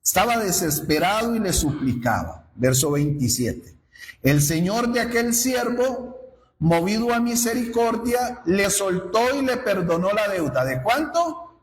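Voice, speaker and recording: A man's voice: sing-song, a little slow, slight background noise. A man preaching a sermon, putting rhetorical questions to his congregation. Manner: rhetorical questions to the congregation, wide swings in pitch. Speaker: pastor. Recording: roomy hall reverb.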